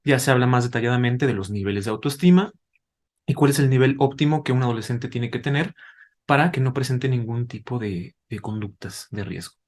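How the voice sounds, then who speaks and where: A guest expert doctor with a medium-pitched, darkish voice talks fairly quickly to parents. His explanations are didactic, sprinkled with rhetorical questions and the tag "¿vale?".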